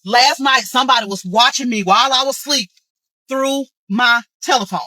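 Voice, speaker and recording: A woman's voice: a little high, normal speed, bright, forceful tone, no room sound, poor audio. A woman telling her viewers a worried, urgent story in a chatty vlog style. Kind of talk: casual vlog warning.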